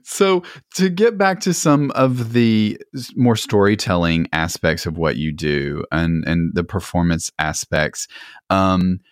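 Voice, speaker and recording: A man's voice: low-pitched, expressive, takes it slowly, no room sound, studio quality. A man hosting a podcast interview, asking long, meandering questions in an enthusiastic, conversational way. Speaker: podcast host.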